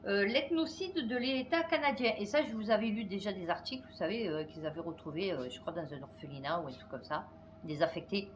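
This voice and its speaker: Fast-talking excitable woman chatting. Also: medium pitch, dull audio, slight background noise. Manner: fast, excitable talk with many fillers. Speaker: channel host. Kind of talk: casual chat to viewers.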